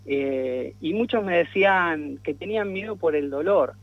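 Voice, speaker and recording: A man's voice: on the high side, animated, normal speed, dry recording. Hesitant man, lo-fi radio. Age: 40s. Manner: hesitant, many restarts and fillers. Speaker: guest. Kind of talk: radio interview. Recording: dull lo-fi radio sound.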